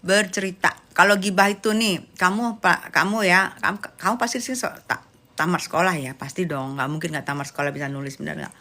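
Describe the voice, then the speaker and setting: Sassy young woman w/ doing a live chat, teasing her viewers, bright voice. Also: lowish voice, fairly even intonation, fairly quick. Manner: sassy, teasing, mixes in slang. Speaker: livestream host chatting with viewers. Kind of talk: casual live chat, reading comments.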